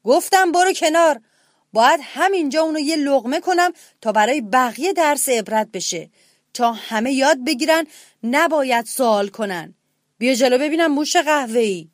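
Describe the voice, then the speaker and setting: A bellowing, arrogant lion who rules the jungle and hates questions, as a woman storyteller puts him on. He shouts his threats loud and high in a dry, close recording. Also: lively intonation, dry recording. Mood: roaring angry. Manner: bellowing, domineering. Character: roaring arrogant male lion king.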